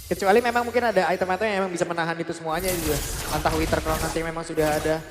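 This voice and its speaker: A man's voice: fairly high pitch, fairly even intonation, very fast. An Indonesian man giving live co-commentary and analysis on a mobile game match. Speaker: esports commentator. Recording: echoey hall, loud music behind. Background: music.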